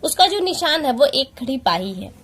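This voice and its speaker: A woman teaching an exam-prep lesson, explaining patiently step by step with rhetorical questions and slowing down to read out examples. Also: high-pitched, very animated, a bit bright. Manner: slows down to read out example sentences.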